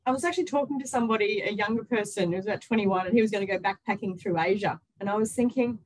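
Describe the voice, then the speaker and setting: An excited, chatty woman with an Australian accent, telling personal stories casually as an interview guest. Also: mid-range voice, very fast, slight background noise, poor audio. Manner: excited, chatty, with quoted self-talk. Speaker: interview guest, author and workplace culture consultant.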